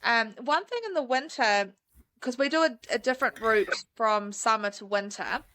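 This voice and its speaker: Bright, chatty New woman. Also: on the high side, moderate pace, dry recording. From New Zealand. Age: 30s. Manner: enthusiastic, chatty, many fillers. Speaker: mountain guide, podcast guest. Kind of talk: casual interview chat.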